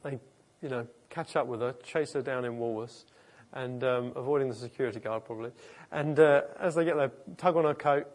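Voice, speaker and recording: A man's voice: mid-range voice, fairly quick, a little mellow. A man preaching a sermon in an informal, earnest way, often restarting and correcting himself mid-sentence. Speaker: pastor. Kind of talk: conversational sermon.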